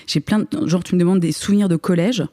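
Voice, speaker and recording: A woman's voice: on the low side, quick pace, warm tone, no room sound, clean studio sound. A woman in her thirties from eastern France, a podcast guest chatting casually, laughing often and restarting her sentences. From Moselle, eastern France. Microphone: studio microphone.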